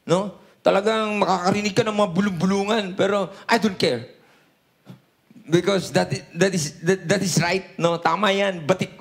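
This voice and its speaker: High gravelly Filipino pastor preaching. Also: male voice. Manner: peppers lines with "no?" and "hallelujah", call-and-response. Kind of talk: Taglish sermon.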